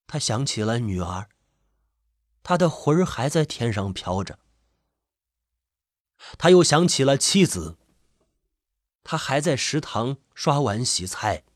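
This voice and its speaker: A man with a husky voice, reading a suspense story in measured, expressive narration. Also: mid-range voice, no room sound, studio quality.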